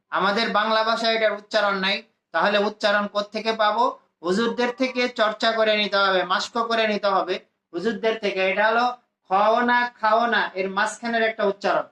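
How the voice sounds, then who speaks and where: A man from Bangladesh teaching a class to pronounce Arabic letters, slowly repeating each sound for his students. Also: high-pitched, pushed and bright. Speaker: Quran teacher. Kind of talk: classroom lesson. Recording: echoey room.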